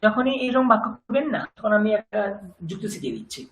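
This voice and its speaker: A man's voice: sits high, expressive. Patient man teaching in an echoey room. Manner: patient, drills words by slow repetition. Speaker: language teacher. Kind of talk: grammar lesson.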